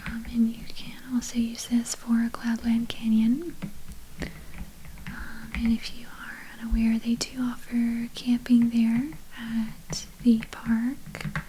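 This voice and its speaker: A woman in a whispered role-play as a patient, helpful librarian, speaking in a soft, breathy library whisper with polite, unhurried manner. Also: a little high, completely flat delivery, slight background noise, poor audio. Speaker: ASMR performer playing a librarian.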